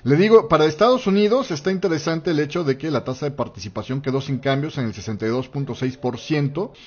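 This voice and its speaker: A man's voice: on the high side, lively intonation, fast talker, a little mellow, husky. Man with a dull lo-fi sound. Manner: thinking aloud with many fillers. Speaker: market commentator. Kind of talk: live market commentary.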